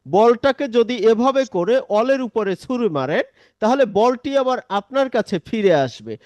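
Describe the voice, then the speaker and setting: High-voiced man teaching Quran recitation. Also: darkish tone, dry recording. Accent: Bangladeshi Bengali. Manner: patient, explains step by step and drills examples slowly. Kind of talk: live online tajweed lesson.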